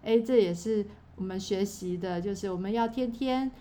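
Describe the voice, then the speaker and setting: A middle-aged woman, chatting casually about faith and her songwriting, pausing often with fillers and restarts. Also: medium pitch, mellow. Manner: hesitant, many fillers and restarts. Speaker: songwriter and church worker.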